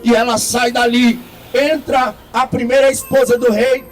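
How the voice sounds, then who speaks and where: A man with a very high voice tells a parable slowly and dramatically. He pauses deliberately between phrases. Soft music plays faintly behind him. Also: flat delivery. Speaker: storyteller. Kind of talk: storytelling a parable.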